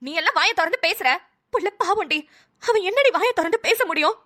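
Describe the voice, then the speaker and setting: A woman voicing a blunt, scolding elderly village mother in a cartoon, who talks in a loud, dramatic, nagging way. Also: extremely high pitch, expressive, a little fast, exaggerated voice. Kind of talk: cartoon voice acting.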